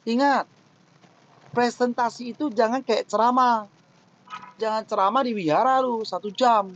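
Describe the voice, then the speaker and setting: A man's voice: extremely high pitch, normal speed, muffled recording, a little hiss or hum. A man giving a casual, joking webinar talk on thesis defense tips, often acting out little mock quotes to make his points. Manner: jokey, lively, acts out mock quotes. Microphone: online webinar mic.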